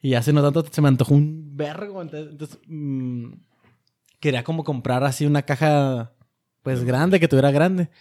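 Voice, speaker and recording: Slightly higher-voiced guy, rambling anecdote in casual slang. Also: moderate pace, dark tone. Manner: rambling, self-correcting, slangy. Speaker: podcast co-host. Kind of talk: casual chat.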